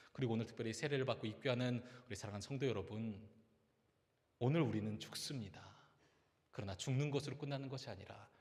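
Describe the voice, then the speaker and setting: Man pastor giving a sermon, earnest storytelling, middle voice, long church echo. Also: medium pitch. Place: church sanctuary. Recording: long reverb of a church hall.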